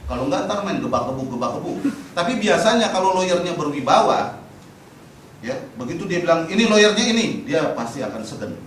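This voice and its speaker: A man with a fairly high voice lectures a class, blunt and lively, slipping into the voices of police and activists as he tells stories. He sounds far from the microphone in a roomy, echoing space. A faint murmur of ambience sits behind him. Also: brisk, a little hiss or hum. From Indonesia. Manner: blunt, animated storytelling, acts out police and activists. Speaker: human rights lawyer lecturing. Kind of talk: lecture to a training course. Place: training venue hall, in front of a class. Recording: echoey room recorded from afar, faint ambience.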